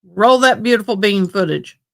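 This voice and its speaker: A woman's voice: medium pitch, moderate pace. A woman hosting a livestream, chatting casually and informally to her viewers in a folksy way. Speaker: livestream host.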